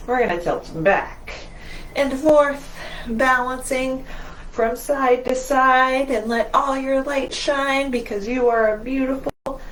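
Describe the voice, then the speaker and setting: A woman children's librarian with a high-pitched, somewhat bright voice leads a storytime for young children, mixing movement with reading aloud in an encouraging, singsong manner. The audio is poor, with a little hiss or hum.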